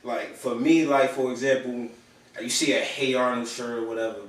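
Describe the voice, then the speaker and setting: Slangy man chiming in on a podcast. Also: mid-range voice. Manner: relaxed, slangy, quick to chime in and agree. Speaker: podcast co-host. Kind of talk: casual podcast chat. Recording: very echoey room, mic far off.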